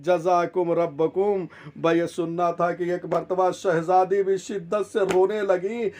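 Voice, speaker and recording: A male religious scholar delivering a sermon with measured, rhetorical repetition. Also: high-pitched, flat delivery, a little mellow. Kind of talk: Shia majlis sermon.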